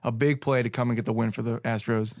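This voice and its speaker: A young man co-hosting a casual sports talk show, rambling excitedly like an emotional fan. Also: mid-range voice, quick pace, dry recording, clean studio sound.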